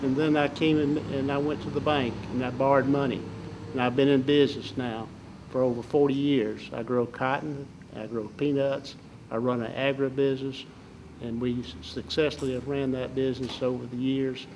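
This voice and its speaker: An older man from southern Alabama with a Southern Alabama accent, giving folksy, halting interview answers as a political candidate. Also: medium pitch, flat delivery, a little mellow, slight background noise, poor audio.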